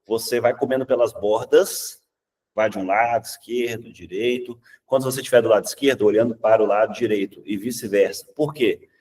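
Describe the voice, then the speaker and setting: A Brazilian man with a fairly low voice and a Brazilian Portuguese accent teaches public speaking in a lively, chatty, conversational way. He acts out examples and often ends points with a quick "tá?". He's recorded from a distance and sounds set back from the mic.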